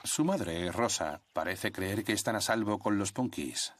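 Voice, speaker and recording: A man's voice: lowish voice, normal speed, background noise. A man delivering scripted nature documentary narration. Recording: narration over background music.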